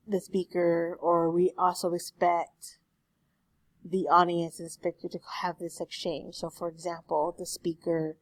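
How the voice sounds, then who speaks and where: Woman teacher lecturing on camera, kinda low voice, chatty, keeps saying excuse me, dry close sound. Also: no room sound. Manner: conversational, frequent self-corrections and "excuse me". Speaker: college speech instructor. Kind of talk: recorded online lecture.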